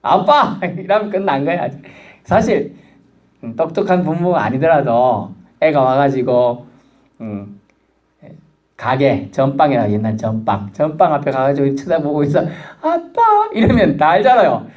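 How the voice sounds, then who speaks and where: A man's voice: medium pitch, normal speed. A middle-aged man preaching a sermon as pastor, talking to the congregation and acting out a child's pleading voice. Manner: animated, acts out a child's pleading voice.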